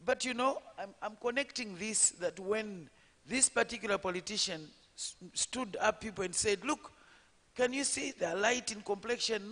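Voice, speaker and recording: A woman from Zimbabwe with a low voice that callers take for a man's, speaking as a politician on a panel. She talks in a measured way, pausing on fillers and restarting her sentences. A long reverb from the conference hall trails her voice. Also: fairly bright tone. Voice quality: low voice often taken for a man's. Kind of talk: personal account on a conference panel.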